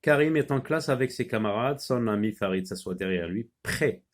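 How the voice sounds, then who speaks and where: A man teaching a phonics lesson to young children, saying each word slowly and repeating it so the pupils can follow. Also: mid-range voice, expressive. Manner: slow, deliberate, repeats words for pupils.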